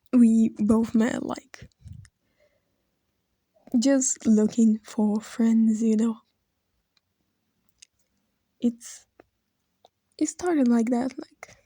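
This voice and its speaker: A video creator whose first language is Brazilian Portuguese gives an emotional personal tribute, speaking slowly and haltingly, near tears, often drifting into soft whispers. Her slightly high voice is dark, gravelly and husky, and the sound is dry and close with no echo.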